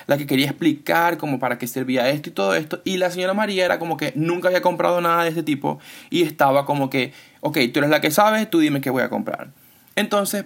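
A man telling a funny anecdote in a casual, amused, chatty way. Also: a little high. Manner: chatty, amused, acts out the people in his story. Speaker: podcast storyteller.

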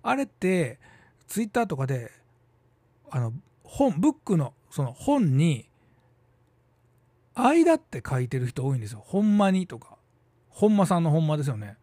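Warm-toned and very animated, the voice sits on the high side, recorded with no room sound. It's a middle-aged Kansai man, a theater troupe leader and podcast host, chatting and musing solo with quick asides and drawn-out pauses.

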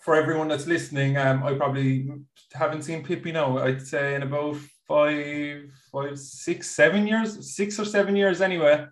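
An Irish man with a Cork accent and a slightly high voice, hosting a podcast. He chats casually and feels his way into questions haltingly, in a noticeably roomy, echoey recording. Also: steady tone. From Cork, Ireland. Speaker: podcast host. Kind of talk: casual chat interview.

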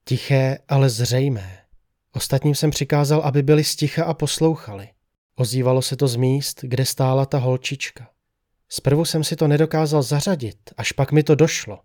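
A man tells a first-person horror story in scripted narration. His delivery stays measured and steady, his voice sits in an ordinary middle pitch, and the recording is close and dry. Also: dry recording.

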